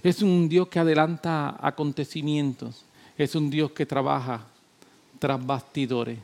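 A man's voice: a little high, steady tone, a little slow, creaky. Emphatic, repetitive male preacher. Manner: emphatic and repetitive, swinging between loud exhortation and quiet talk. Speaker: pastor. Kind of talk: sermon.

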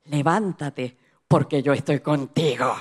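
A woman doing the hushed low voice of God. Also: measured pace, slight background noise. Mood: solemn gentle. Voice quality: hushed, half-whispered. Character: voice of God, calm, low and tender.

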